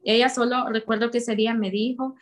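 A woman's voice: a little high, fairly even intonation, a little fast. A young woman with a Honduran accent gives a heartfelt personal faith testimony, speaking directly to her listeners.

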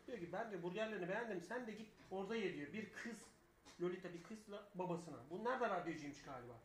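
A man's voice: sits high, lively intonation, fast, roomy sound, a little hiss or hum. A man co-hosting a live radio show, telling long rambling stories and swearing freely. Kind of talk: casual live radio banter.

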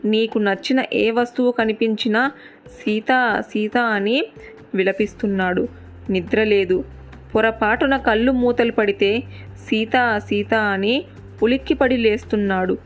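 A woman's voice: a little high, fairly even intonation, a little slow, faint music behind, natural voice. A woman narrator voicing a mighty, devoted male monkey hero, speaking in an earnest, reassuring way.

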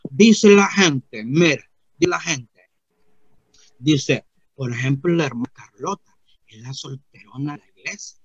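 A man's voice: a little high, a little slow, pauses often, husky, no room sound, dull audio. A man playing a naive rustic churchgoing man, telling a rambling comic story full of repeated "mire" and acted-out voices. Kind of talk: comic character monologue.

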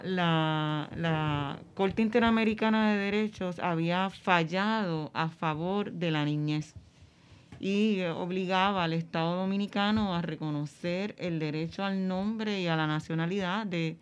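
A woman explaining things in an interview, haltingly and searching for words. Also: fairly low pitch, smooth, lo-fi sound.

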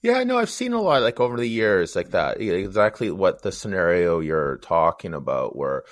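Chatty low-voiced man, dry close sound. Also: normal speed, dry recording. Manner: chatty, animated storytelling with lots of "like". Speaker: podcast host. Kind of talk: casual podcast chat.

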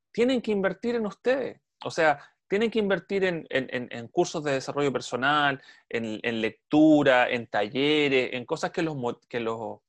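Eager podcast host man, fairly high voice. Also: no echo. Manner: enthusiastic, addresses listeners directly, many restarts. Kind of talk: podcast conversation.

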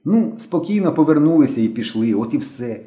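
A man's voice: mid-range voice, sing-song, fairly quick, warm tone, voice pushed up, lightly acted. A man voicing a cocky, impulsive schoolboy in a storybook reading, with a brash, offhand way of talking. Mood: excited. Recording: roomy echo.

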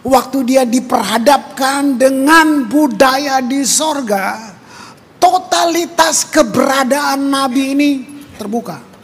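A man, preaching a conversational sermon as pastor, animated and repeating words for emphasis. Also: takes it slowly, soft background music. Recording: reverberant hall with faint rumble.

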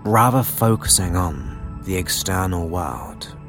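A man with a deep voice leads a guided meditation. He speaks very slowly and soothingly, placing short phrases between long pauses. New-age music plays clearly behind him. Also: expressive. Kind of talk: guided relaxation hypnosis narration.

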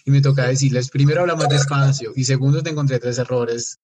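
A man's voice: mid-range voice, fairly even intonation, fast, a little mellow. A man chatting casually, with a wry, self-deprecating manner. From Colombia. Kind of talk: casual chat.

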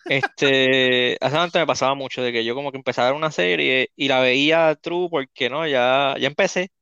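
A man's voice: medium pitch, steady tone, normal speed, pushed and bright, smooth, no echo, dull audio. A young man, hosting a casual podcast chat, laughing and tossing in English words. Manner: laughing, mixes English words, acts out quotes. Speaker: podcast host.

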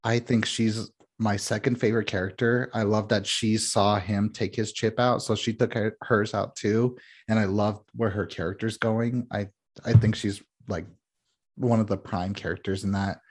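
Podcast co-host, man, low voice, blunt candid opinions, casual. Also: steady tone, normal speed, husky. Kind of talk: casual chat.

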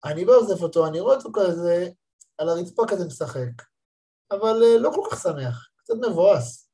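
A man's voice: high voice, expressive, warm tone, slightly rough. A man in his thirties giving a spiritual lesson, telling a personal story and repeating words for emphasis. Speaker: religious motivational teacher.

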